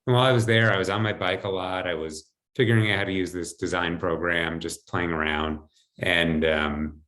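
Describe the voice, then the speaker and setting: A low-pitched American man from New Jersey, a financial advisor appearing as a podcast guest, tells his story conversationally in a fairly bright tone. He's indoors at home, speaking through a video-call computer mic.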